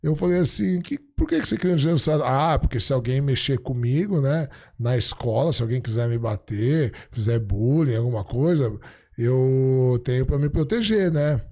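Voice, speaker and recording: A middle-aged man, a podcast guest, chatting casually and telling stories, acting out the dialogue he quotes in an animated way. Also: medium pitch, normal speed. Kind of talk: casual storytelling chat.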